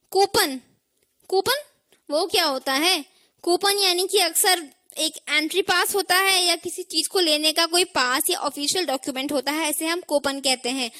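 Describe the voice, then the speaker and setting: A woman teaching English pronunciation, mixing Hindi and English, drilling words slowly and asking learners to repeat after her. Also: extremely high pitch, pushed and bright. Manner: mixes Hindi and English, quizzing questions. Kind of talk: scripted pronunciation lesson.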